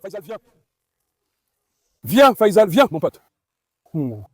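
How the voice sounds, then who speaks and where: A man's voice: high voice, very animated, takes it slowly, darkish tone, dry recording, studio quality. A man vlogging on his farm, chatting to viewers and calling and coaxing his dogs. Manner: coaxing, calls to the dogs while talking to viewers. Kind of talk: casual vlog commentary.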